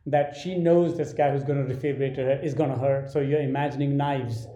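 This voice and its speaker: A man with an Indian accent, a film director telling animated behind-the-scenes stories in an interview, with many restarts. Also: medium pitch, a little fast, highs cut off. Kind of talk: interview storytelling. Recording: roomy echoey sound.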